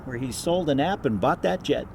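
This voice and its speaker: Outdoors near an airport runway, a plane-spotting vlogger gives casual, off-the-cuff commentary at a normal speed. His mid-range voice is animated, creaky, and darkish, with faint traffic, vehicle, and outdoor ambience in the background.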